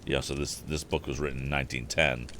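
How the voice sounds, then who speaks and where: A man with a bass voice hosts a storytime livestream, reading a book animatedly and throwing in casual asides as he chats into a streaming microphone. He talks fast in a flat, sharp-toned delivery. Faint background noise runs under the stream.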